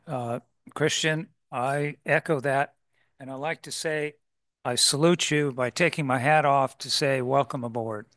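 A man chairing a public board meeting, calling votes in a formal, procedural way with halting pauses. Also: mid-range voice, fairly even intonation, a bit bright, dry recording, clean studio sound. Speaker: commission chair.

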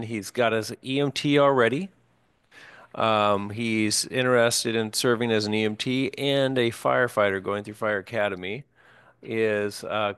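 A man who is a fire chief, briefing a board meeting in a measured, informative way. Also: fairly low pitch, fairly bright tone, clear, resonant tone, no echo, studio quality. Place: public meeting room.

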